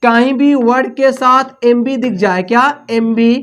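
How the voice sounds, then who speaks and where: A woman with a slightly high voice runs an exam-prep English vocabulary lesson. She drills each word by call and response, asking again and again and then answering herself. She moves freely between Hindi and English. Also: measured pace. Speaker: English teacher.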